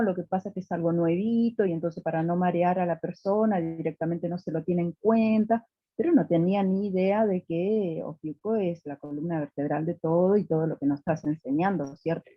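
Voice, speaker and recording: A woman's voice: low voice, dry recording, lo-fi sound. A woman, a student who talks thoughtfully and rambles a little, with many fillers. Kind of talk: casual conversation with teacher.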